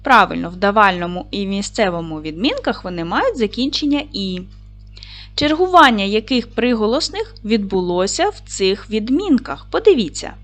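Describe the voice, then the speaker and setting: Lively, clear-speaking woman teacher. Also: mid-range voice. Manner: slow, clear and encouraging, stretching words for dictation. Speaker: primary school teacher. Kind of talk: video lesson for children.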